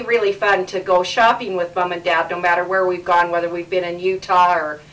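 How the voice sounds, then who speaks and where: Middle-aged canadian woman chatting at home, lowish voice, old camcorder audio with the mic kinda far off. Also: fairly bright tone. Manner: chatty, repeats words for emphasis. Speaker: host interviewing her parents. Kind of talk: casual home interview. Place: her home.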